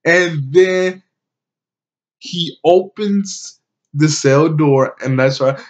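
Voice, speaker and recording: Male vlogger, unhurried casual recap, slightly high voice, dull lo-fi audio. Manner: rambling retelling with many restarts and "he was like" quotes; slow-paced, colloquial, relaxed slang. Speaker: YouTuber recapping a TV episode.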